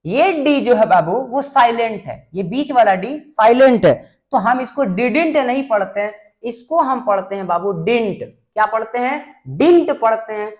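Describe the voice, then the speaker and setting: A woman's voice: fairly high pitch, animated, moderate pace, a little mellow. A woman teaching English grammar in a classroom lesson, patiently repeating and drilling sentence patterns. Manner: patient, addresses students as "babu".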